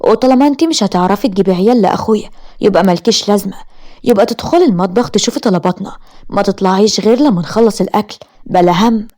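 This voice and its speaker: A woman with an Egyptian accent voicing a sharp-tongued, spiteful sister-in-law in a narrated story, taunting and scornful. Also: medium pitch, rapid-fire, lightly acted. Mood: harsh. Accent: Egyptian Arabic.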